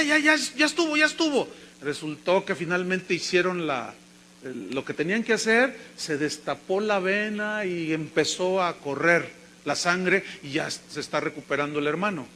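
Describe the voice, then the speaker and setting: A man's voice: sits high, fairly bright tone, a little hiss or hum. A man, a pastor preaching a sermon and telling a story while acting out the people in it. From Mexico.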